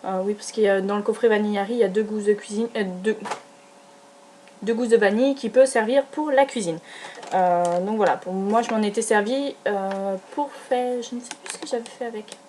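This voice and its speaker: With slight background noise, this beauty vlogger speaks at a medium pitch, fairly quickly, in a dark tone. She's a young adult woman gushing her way through a casual product haul, hesitant and packed with fillers and restarts.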